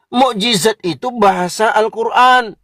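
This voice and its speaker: A man's voice: sits high, measured pace, bright, forceful tone, no room sound, studio quality. A man giving a combative, mocking religious lecture, lecturing listeners directly.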